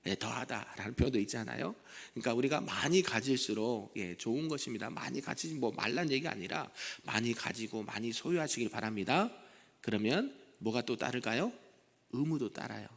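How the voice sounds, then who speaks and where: A man's voice: mid-range voice, lively intonation, fairly quick, vocal fry. Casting: male pastor, morning sermon, engaging and chatty, church reverb. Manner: conversational preaching, asks the congregation questions. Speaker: senior pastor. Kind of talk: early morning prayer sermon. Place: church sanctuary.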